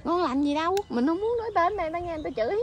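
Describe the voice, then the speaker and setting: A woman's voice: very high voice, lively intonation, racing. A woman chatting outdoors at a tent camp, teasing and laughing often as she hands out food. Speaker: vlogger handing out food. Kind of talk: casual outdoor chat.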